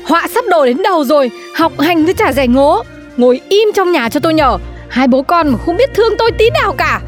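A bossy, superstitious cartoon shopkeeper mom who scolds and dramatizes everything. Her very high voice swoops up and down a lot. Music plays softly underneath. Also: very animated, brisk. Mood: scolding. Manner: scolding and melodramatic. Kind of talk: cartoon voice acting.

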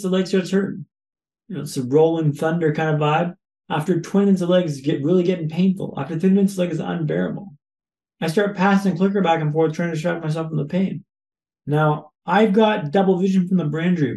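A man with a high, gravelly voice tells his story in an interview, building it up with repeated phrases and punchy lists. His tone is dark and mellow, and the room around him echoes. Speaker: podcast guest.

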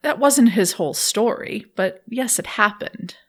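A woman's voice: mid-range voice, expressive, unhurried, slightly rough. A woman guest speaking thoughtfully in an interview, laughing often while she tells a personal story.

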